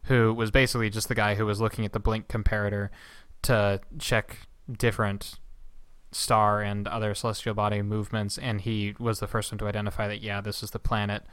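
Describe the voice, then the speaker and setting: A man with a lowish, smooth voice talks casually, explaining things at length with plenty of asides. The sound is dry and close, with no room behind it. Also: flat delivery, a little fast, fairly bright tone, no echo. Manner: chatty, explanatory, rambling with asides. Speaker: podcast co-host. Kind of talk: casual chat.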